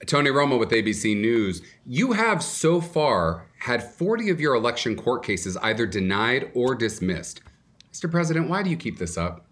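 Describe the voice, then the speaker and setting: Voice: mid-range voice, big pitch swings, moderate pace, a bit bright. A performer voicing a polite, questioning male television news reporter in a comedy press conference sketch.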